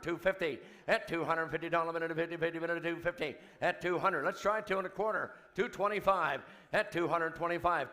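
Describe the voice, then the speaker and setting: A man working as an auctioneer at a live charity auction, calling bids in a rapid rhythmic chant with repeated numbers and joking asides. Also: a little high, gravelly, bright, forceful tone. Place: event hall, live before an audience.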